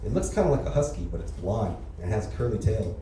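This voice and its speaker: Performing a quick, crude open mic set, a young comic from the Los Angeles area speaks in a lowish, warm, very animated voice, peppering it with "you know" and "right." The distant mic picks him up across an echoey comedy club with audible noise.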